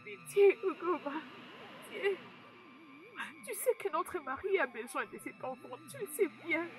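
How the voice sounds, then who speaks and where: A woman's voice: medium pitch, very animated, moderate pace, faint music behind, close to an everyday voice. A woman voicing a frightened pregnant wife in a French film dub, speaking in a pleading, emotional way.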